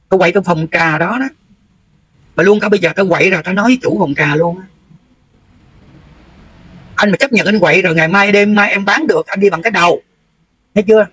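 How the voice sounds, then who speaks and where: A high-voiced, middle-aged man with a Southern Vietnamese accent, holding forth in a scolding, confrontational livestream rant. His voice is husky and a little rough at the edges. He presses each point bluntly, as if lecturing someone directly in front of him. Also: fairly bright tone, dry recording, poor audio. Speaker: livestream host.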